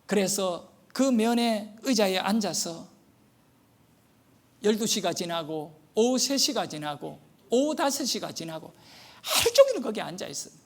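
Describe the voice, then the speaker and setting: Animated pastor preaching. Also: male voice, high-pitched, a little slow. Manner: animated storytelling, acting out quoted voices. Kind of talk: sermon.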